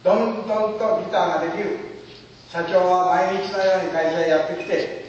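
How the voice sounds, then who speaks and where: An older man telling a story from his working life in formal, polite speech that slips into rough dialect when he quotes people. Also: sits high, steady tone, a little fast. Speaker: storyteller recalling his business days. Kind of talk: formal spoken memoir with acted quotes. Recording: dull, echoey hall from far off.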